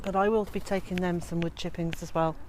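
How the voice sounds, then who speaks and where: A woman in her fifties, a homesteading vlogger, chatting casually outdoors by her chicken pens, gently amused and sometimes talking to her birds. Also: lowish voice, steady tone, a little fast, slight background noise. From Wales. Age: 50s. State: out of breath. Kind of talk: casual vlog narration.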